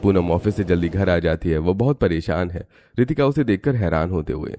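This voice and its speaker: Male cartoon narrator, very low pitch, dark mellow voice, steady storytelling. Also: brisk, a little hiss or hum.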